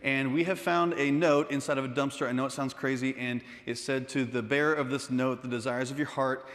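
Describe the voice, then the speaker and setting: A man's voice: mid-range voice, a little fast, lightly acted. A man doing a nervous stammering hag woman. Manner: hesitant, stammering, excited. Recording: echoey hall.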